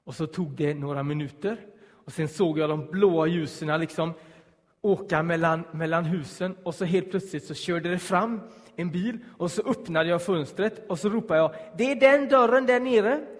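Man telling a suspenseful story, reverb. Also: fairly high pitch. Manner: suspenseful, hushed at tense moments, acts out quoted voices. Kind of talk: personal story told aloud.

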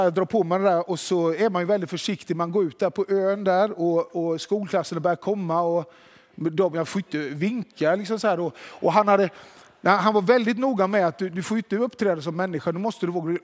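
A male preacher with a notably high voice moves from a playful story into his sermon. His delivery is lively, and he drags out words when he wants them to land. Long reverb from a large hall hangs behind everything he says. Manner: lively storytelling, slows down for emphasis.

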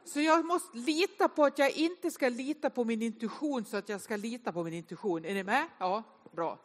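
A woman, telling self-mocking stories in an animated way during a humorous Sunday sermon to a congregation. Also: a little high. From inland northern Sweden. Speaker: speaker at a Sunday service. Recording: long reverb of a large hall.

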